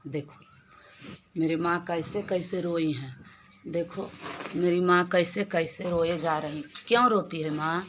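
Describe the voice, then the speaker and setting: A woman's voice: low-pitched, a little hiss or hum. A woman keeping a cow shelter, talking viewers through it in a plaintive, repetitive way, recorded outdoors on a phone. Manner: repetitive, plaintive, addresses viewers as brothers and sisters. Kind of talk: casual walkthrough vlog.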